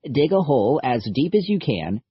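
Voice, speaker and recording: A husky-voiced man voicing a patient, slightly patronizing male scientist who explains things in a lecturing way. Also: medium pitch, big pitch swings, moderate pace, dry recording, voice pushed up. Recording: dull lo-fi audiobook recording.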